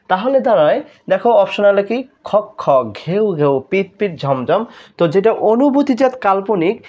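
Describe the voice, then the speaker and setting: A man's voice: sits high, darkish tone, dull audio. A man with a Bangladeshi Bengali accent working through admission exam questions as a tutor, explaining each answer and checking understanding with rhetorical questions. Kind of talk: exam solution lesson.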